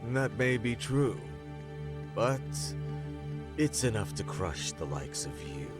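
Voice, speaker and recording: Deep, smug police official. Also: male voice, very animated, takes it slowly. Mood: menacing. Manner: polite, smug, veiled threat. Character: smug, menacing senior male security police official. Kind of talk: dubbed video game drama acting. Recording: music behind the voice.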